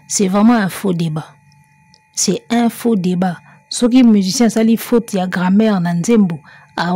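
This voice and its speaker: A woman's voice: medium pitch, mellow, slightly rough, no room sound. A woman, giving chatty, emphatic music commentary. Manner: mixes French and Lingala, chatty and emphatic, breaks into song. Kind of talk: casual spoken commentary.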